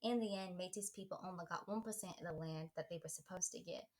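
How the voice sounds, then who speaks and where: A woman's voice: fairly low pitch, quick pace, lightly acted. A woman putting on a Texas accent as a dramatic narrator, reading a scripted history lesson with emphatic delivery. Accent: put-on Texas accent. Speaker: history presenter.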